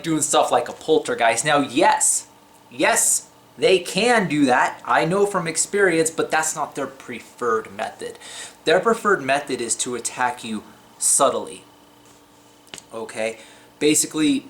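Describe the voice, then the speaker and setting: Man, casual religious vlog talk, slightly shaky voice, middle pitch, loose with fillers. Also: a bit bright. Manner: chatty, unscripted, with many fillers and restarts.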